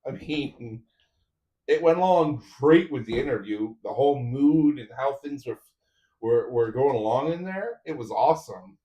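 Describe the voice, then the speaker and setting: A man's voice: mid-range voice, animated, unhurried, mellow, muffled recording. Rambling man chatting in a roomy space. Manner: rambling, chatting with viewers while assembling. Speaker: 3D printer build streamer. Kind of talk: casual livestream chat while building. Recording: roomy echo.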